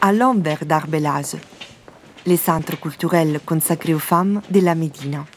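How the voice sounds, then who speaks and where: A woman from southern Italy giving calm, measured scripted documentary narration. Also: deep voice, a little hiss or hum.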